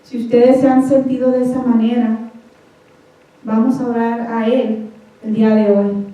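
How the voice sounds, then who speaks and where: A woman's voice: on the high side, little pitch movement, measured pace. A woman preacher giving a fervent sermon in a church hall, often calling out to the congregation. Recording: echoey hall, voice from far off, dull sound.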